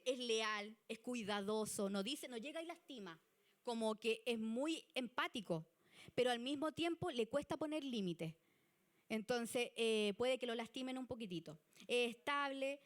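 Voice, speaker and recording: A woman with a Chilean Spanish accent giving a church youth leadership lesson, chatty and animated. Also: fairly high pitch, normal speed. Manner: chatty and animated, acts out example people.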